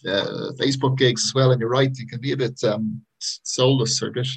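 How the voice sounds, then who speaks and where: Slightly husky male interviewer. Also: medium pitch, steady tone, brisk. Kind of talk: casual interview chat.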